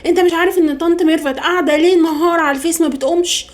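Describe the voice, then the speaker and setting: A woman's voice: extremely high pitch, fairly even intonation, rapid-fire. A woman with an Egyptian Arabic accent voicing a fussy, superstitious middle-aged mother in a comedy sketch, scolding and gossiping. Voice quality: scolding, then hushed gossipy phone chatter.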